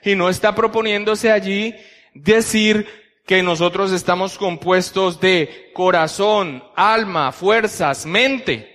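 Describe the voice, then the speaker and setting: Delivering a teaching sermon, a man with a high, steady, fairly bright voice moves slowly and methodically through Bible verses, asking plenty of rhetorical questions. The recording carries a long hall reverb.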